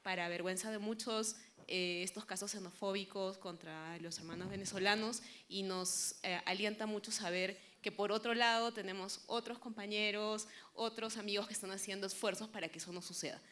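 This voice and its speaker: Peruvian woman interviewing on stage, mid-pitched voice. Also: fairly even intonation, a little fast, hardly any pauses, a bit bright. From Peru. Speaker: interviewer, journalist.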